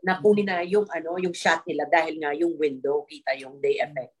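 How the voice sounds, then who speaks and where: A middle-aged actress chatting casually as a guest, telling animated stories and laughing often, slipping English into her talk. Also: low voice, brisk, breathy edge. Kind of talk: casual chat in an online interview.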